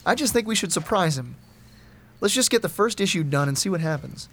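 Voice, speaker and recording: A pushy teen boy in a drama, defensive, pitch all over the place. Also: lively intonation, brisk, fairly bright tone, exaggerated voice. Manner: bossy, defensive. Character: bossy teenage boy, stubborn self-appointed leader.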